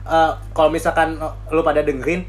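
A man's voice: fairly high pitch, flat delivery, brisk, soft background music. A young man who has trouble pronouncing his R's, chatting casually as a podcast host. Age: young adult. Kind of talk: casual bantering chat.

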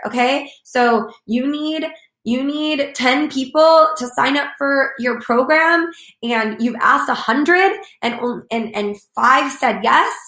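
A woman's voice: sits high, pushed and bright, roomy sound. A woman giving a chatty motivational talk as a network marketing coach, full of fillers like "like" and "you know," acting out the voices she quotes.

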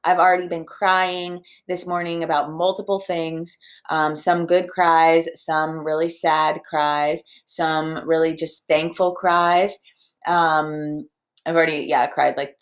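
A young woman talks casually as a podcast host, her voice sitting a little low for a woman. She sounds chatty and openly emotional, upbeat and full of little fillers. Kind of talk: casual spiritual podcast talk.

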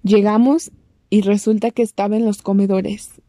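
A woman's voice: level tone, normal speed, mellow, no echo. A young woman with a Mexican accent telling a personal story to the camera, chatty and acting out what people said. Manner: chatty, acts out quoted lines in a squeaky voice. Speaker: vlogger.

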